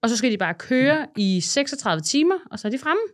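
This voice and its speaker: A young adult woman chatting as a podcast guest, telling stories in a lively way and acting out what people said. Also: on the high side. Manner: lively storytelling, acting out quotes. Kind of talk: casual podcast chat.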